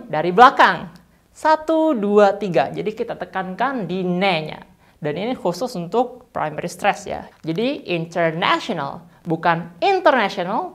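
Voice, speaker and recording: Lively woman teaching English pronunciation. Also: mid-range voice. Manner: slow, stretched model words between quick explanations. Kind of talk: friendly online lesson.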